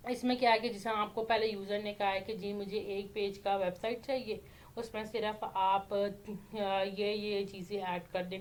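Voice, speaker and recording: A woman's voice: medium pitch, slight background noise. A woman from Pakistan, giving a casual spoken lecture as an online tutor and often checking in with "theek hai". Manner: explains with frequent fillers and "theek hai" check-ins.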